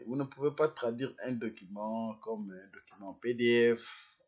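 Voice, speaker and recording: Hesitant man in a lo-fi software tutorial. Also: fairly low pitch, slightly rough. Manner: hesitant, repeats words while explaining. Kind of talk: screen-recorded software demonstration.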